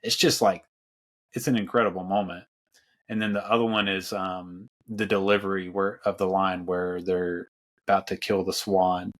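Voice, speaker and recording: A man's voice: low-pitched, level tone, moderate pace. A man hosting a podcast, talking casually about films with many fillers and restarts. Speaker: podcast host. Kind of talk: casual film discussion.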